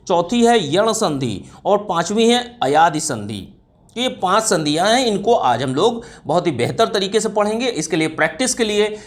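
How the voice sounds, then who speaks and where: A man giving an exam-prep Hindi grammar lesson, explaining step by step, repeating himself, asking students questions and stretching out example sounds. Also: high voice.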